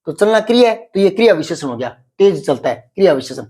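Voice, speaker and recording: A middle-aged man teaching Hindi grammar, explaining patiently, repeating example sentences slowly and quizzing a pupil. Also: sits high, sing-song, a little mellow, slightly rough. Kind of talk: classroom grammar lesson.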